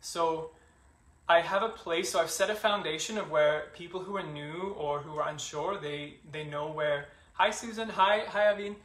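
A man teaching a yoga class, calling breath cues and explaining the flow in a relaxed, chatty way, a little out of breath. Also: fairly high pitch, moderate pace, reverberant.

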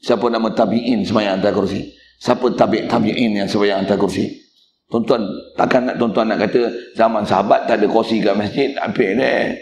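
A man's voice: lowish voice, fairly even intonation, fairly quick, a little mellow, reverberant, a little hiss or hum. A male religious teacher, giving a mosque lecture in a blunt, teasing way and speaking straight to the congregation.

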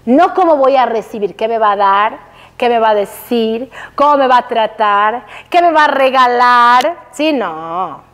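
A woman religious teacher gives a Torah lecture to women in a high, emphatic voice. She is lively yet unhurried, tossing rhetorical questions at her audience, and a long hall reverb surrounds her.

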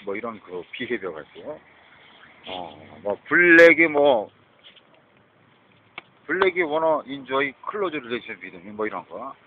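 Man rambling over a tinny phone line. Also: medium pitch. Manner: mixes Korean and English, repetitive, agitated asides. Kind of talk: rambling self-recorded monologue. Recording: tinny phone-like audio with faint noise.

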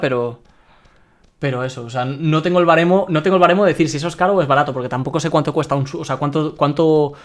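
A young man from Spain chatting excitedly while streaming a game and reading his chat aloud. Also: on the high side. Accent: Spain Spanish. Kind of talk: live-streamed gameplay commentary.

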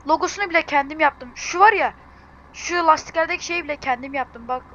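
Telaşlı, yüksek sesli genç kadın. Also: female voice, high-pitched, fairly bright tone, muffled recording. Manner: hurried, distraught, swears oaths. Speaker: mobile car game channel host. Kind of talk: gaming screen-recording vlog.

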